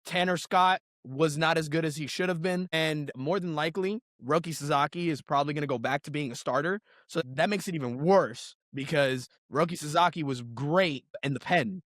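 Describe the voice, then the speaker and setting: An excitable man talking sports on a podcast, his voice sitting fairly high and climbing even higher when he gets worked up. The sound is close and dry, with no room around it. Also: moderate pace, few pauses, no echo. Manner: animated, excitable ranting. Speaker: podcast co-host. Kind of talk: casual sports chat.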